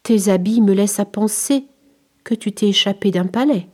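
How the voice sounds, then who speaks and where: A woman's voice: medium pitch, moderate pace, warm tone, lightly acted. A woman voicing a poor beggar woman with a baby in a storybook reading, speaking in a pleading way.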